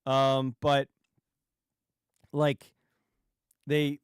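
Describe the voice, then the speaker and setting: A man with a medium-pitched voice hosts a casual livestream, talking to his viewers. He rambles and halts, restarting sentences and wandering off on tangents. The sound is very dry, with no room echo. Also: monotone, extremely slow, smooth. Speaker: YouTube livestream host.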